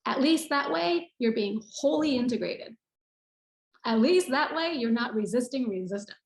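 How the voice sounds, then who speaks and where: A woman's voice: a little high, lively intonation, moderate pace, reverberant, low-quality recording. A woman giving an earnest online talk on yoga, repeating phrases for emphasis like a teacher. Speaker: yoga speaker. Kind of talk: online talk with screen share.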